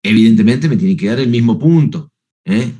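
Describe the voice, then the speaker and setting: A man's voice: mid-range voice, expressive, normal speed, warm tone. A man giving a university math lecture, working step by step through the notes and checking that students follow. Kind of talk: university lecture on analytic geometry.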